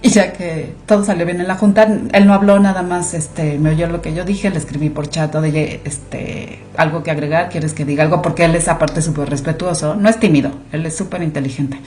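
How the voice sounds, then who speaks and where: A woman's voice: on the low side, fairly even intonation, fairly quick, few pauses, a little mellow, soft background music. A woman, a guest talking casually on a podcast, chatty with many fillers. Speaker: guest, clinical monitoring director.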